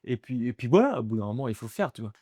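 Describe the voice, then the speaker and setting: A man's voice: mid-range voice, sing-song, quick pace, warm tone, dry recording, clean studio sound. A young man speaking as a guest in a casual interview, hesitant and full of restarts and repeated words. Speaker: guest, aspiring comedian.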